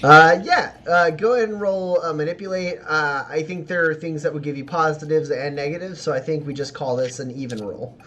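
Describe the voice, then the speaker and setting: A man running a tabletop game as game master, improvising narration in a halting, informal way. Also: a little high, bright, forceful tone, a little hiss or hum. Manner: halting, laughs readily.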